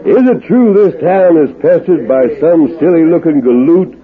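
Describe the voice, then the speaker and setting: An actor playing a masked Western hero, in 1940s radio acting, who mocks an outlaw with hearty laughter when in disguise. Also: male voice, a little high, animated, normal speed, a crowd in the background, lightly acted. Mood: mocking laughter. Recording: tinny old radio broadcast.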